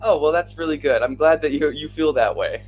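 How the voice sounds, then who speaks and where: A man's voice: fairly high pitch, fairly quick, highs cut off. A man from Minnesota, tutoring English casually over a video call and laughing often. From Minnesota, United States. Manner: friendly, laughs often, asks easy questions. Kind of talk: casual conversation.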